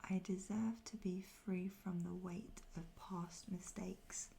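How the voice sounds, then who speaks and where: A woman giving a whispered pep talk of ASMR affirmations in a soft, breathy near-whisper, slowly repeating phrases with pauses. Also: on the low side, steady tone, slight background noise.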